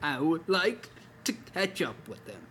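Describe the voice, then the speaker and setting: A regretful old man on his deathbed, as a man acts him out in an overdone reading. He draws out each line slowly and melodramatically. The pitch sits above the reader's normal voice and swings widely. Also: very animated, fairly bright tone, a little hiss or hum. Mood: wistful.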